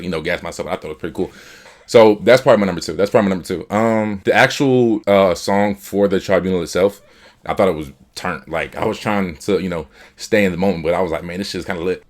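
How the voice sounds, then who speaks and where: A man's voice: low voice, quick pace, faint music behind. A young man casually reviewing a game he played, talking loosely with slang, laughter and half-finished restarts. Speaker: gaming YouTuber.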